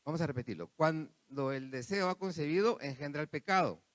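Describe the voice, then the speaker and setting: A man's voice: on the high side, brisk, no room sound. A man preaching a sermon, repeating phrases and turning to the congregation with asides. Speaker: pastor.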